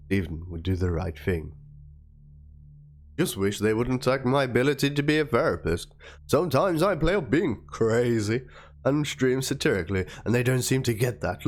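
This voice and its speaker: In a medium-pitched, darkish voice, a man gives an animated, theatrical reading of chat messages and a written document at moderate speed. The dramatic narration is set over instrumental background music.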